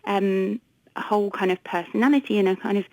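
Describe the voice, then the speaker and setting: A woman with an English accent talking as a research director on a radio interview, brisk, wry and explanatory. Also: medium pitch, a little mellow, no echo, low-quality recording. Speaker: consumer research director, studio guest. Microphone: studio microphone.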